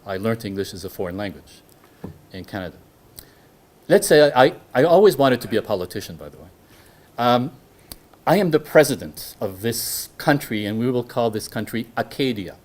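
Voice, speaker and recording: Lecturing on law to a hall audience, a French-native guest lecturer speaks measured English in a sing-song, medium-pitched voice with a darkish tone. He often begins phrases over and quizzes his listeners.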